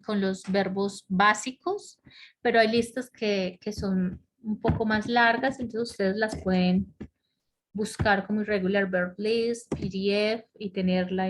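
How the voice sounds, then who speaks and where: A woman teaching an online grammar class at a slow, unhurried pace. She explains each rule step by step and keeps checking that her students follow. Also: mid-range voice, a little hiss or hum. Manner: explains step by step, checks understanding with frequent questions. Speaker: English teacher.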